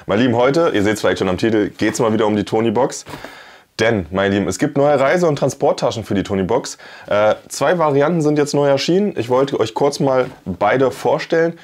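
In a small room with a plain wall, a male YouTube host reviews products, talking chattily as he shows and demonstrates them. His voice is mid-range and a little mellow, and he speaks briskly. A lavalier mic is clipped to his shirt.

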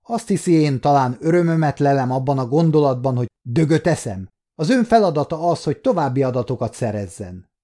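A man playing an alien chief supervisor, grave and troubled, who speaks in a measured, formal way. His tone is dark and mellow. It is a storybook reading. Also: mid-range voice, lively intonation, lightly acted. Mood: firm.

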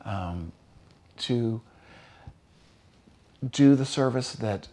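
A man's voice: mid-range voice, very slow, mellow. A man in his sixties from Pennsylvania, a barbershop owner speaking in a documentary interview, hesitant with many fillers and restarts. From Pennsylvania, USA. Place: small wood-panelled barbershop. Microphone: seated, medium camera framing. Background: music.

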